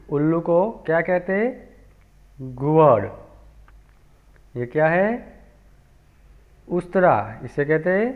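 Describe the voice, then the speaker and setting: A male teacher patiently leading a children's lesson, repeating each sound aloud for the class. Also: a little high. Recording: tinny phone-like audio.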